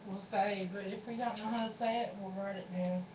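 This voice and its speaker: A woman's voice: medium pitch, steady tone, fairly quick. A woman co-hosting a casual challenge vlog, bantering in a playful, teasing, informal way. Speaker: co-host of a challenge video. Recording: roomy, distant, muffled with clear noise.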